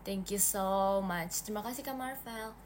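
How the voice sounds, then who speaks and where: A woman's voice: medium pitch, normal speed, a little hiss or hum. A seventeen-year-old girl from Indonesia hosting a casual livestream, chatting and thanking viewers one by one, slipping English phrases into her talk. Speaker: livestream host. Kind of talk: casual livestream chat reading comments.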